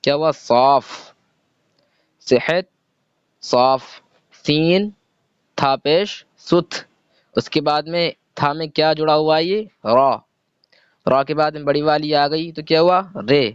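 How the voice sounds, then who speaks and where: A man's voice: on the high side, fairly even intonation, long pauses, clear, resonant tone, dry recording. A man teaching a reading lesson, patiently spelling out letters and sounds one by one and asking questions he answers himself. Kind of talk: slow step-by-step reading lesson. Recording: dull lo-fi sound.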